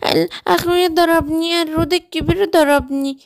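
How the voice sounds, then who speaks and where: A woman's voice: very high voice, steady tone, fairly quick, gravelly, dry recording, studio quality, voice pushed up. Woman doing a whiny little boy monkey, Egyptian. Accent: Egyptian Arabic. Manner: childish complaining.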